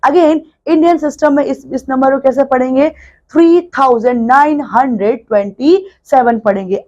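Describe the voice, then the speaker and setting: A young woman teaching a math lesson to children, reading numbers aloud slowly and repeating them, and often turning to the kids. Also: high-pitched, a little mellow, muffled recording. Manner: mixes Hindi and English, addresses children often.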